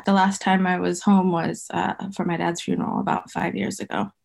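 Rambling through a casual podcast interview, a folk herbalist in her thirties frequently laughs and corrects herself; she is Zimbabwean and grew up in Botswana. Her fairly low, darkish voice is gravelly, brisk, and flat.

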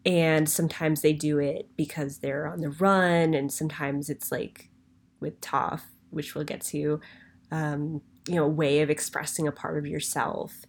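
A woman's voice: low-pitched, little pitch movement, unhurried, breathy edge. A woman leaving a voicemail, heard over a phone line, talking in a thoughtful, musing way with frequent ums and trailing phrases. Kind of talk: recorded listener voicemail.

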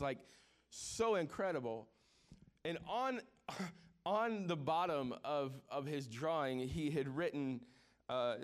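This sermon comes from a pastor in his forties whose voice sits on the high side. He talks casually, jokes with the people in the pews, and often repeats words when he starts over.

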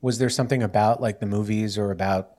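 A man's voice: on the low side, steady tone, fast talker, warm tone. An American man hosting a podcast in casual chat, rambling with many fillers and restarts. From United States. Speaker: podcast host.

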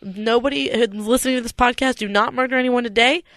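A woman's voice: fairly high pitch, fast, no echo. A woman co-hosting a local news podcast, chatting casually, joking and swearing freely. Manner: profane, joking, animated. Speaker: podcast co-host. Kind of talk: casual chat.

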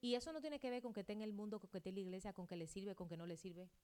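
A middle-aged woman pastor preaching a sermon, acting out quoted dialogue and swinging between loud outbursts and hushed asides. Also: medium pitch, racing, smooth.

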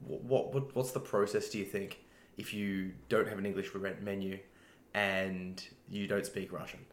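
Low voiced guy casually chatting, kinda joky, restarts his words a lot, echoey room. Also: little pitch movement, moderate pace. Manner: joking, repeats words when starting. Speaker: co-host. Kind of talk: casual chat.

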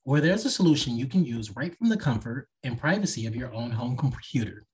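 A man with a husky voice hosting a podcast and reading announcements to listeners. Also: mid-range voice, lively intonation, brisk, a little mellow. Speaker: podcast host.

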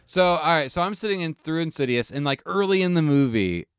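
A young man co-hosting a casual chat, telling animated stories full of fillers and swearing. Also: fairly high pitch, brisk, clear, resonant tone, no echo, studio quality. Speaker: podcast co-host.

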